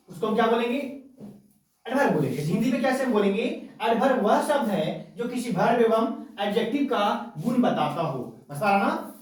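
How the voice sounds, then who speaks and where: A woman teaching a grammar lesson to a class, repeating each point slowly and asking rhetorical check questions. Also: a little high, darkish tone. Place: classroom with students. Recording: very echoey room, voice from far off.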